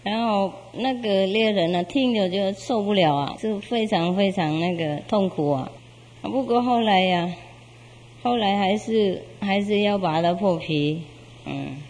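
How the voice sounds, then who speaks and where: Woman, casual storyteller, meandering with fillers, mid-pitched voice, long hall reverb. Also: a little slow, darkish tone, a little hiss or hum. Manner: meandering, many fillers, chuckles. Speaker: spiritual teacher telling a parable.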